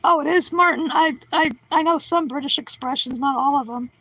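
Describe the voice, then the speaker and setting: A middle-aged woman with a high voice chats on her livestream, replying to viewers and tossing out silly puns and jokes at her own expense. The sound is dry and close, with no room echo. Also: brisk, pushed and bright. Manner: goofy, joking, punning, self-deprecating. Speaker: livestream host reading chat. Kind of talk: casual livestream chat.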